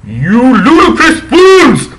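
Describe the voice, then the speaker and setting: A man's voice: very high-pitched, completely flat delivery, unhurried, pushed and bright, shouting, a little hiss or hum, pitched above the performer's own voice, full character voice, rough recording. A man voicing a furious old wizard headmaster in a fan fiction reading, hammy and bellowing with outrage.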